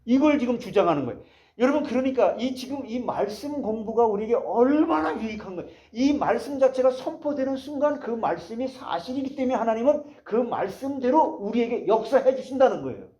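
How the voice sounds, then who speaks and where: A man's voice: very high voice, lively intonation, brisk, mellow. A man preaching a sermon as pastor, asking the congregation rhetorical questions as he explains a passage.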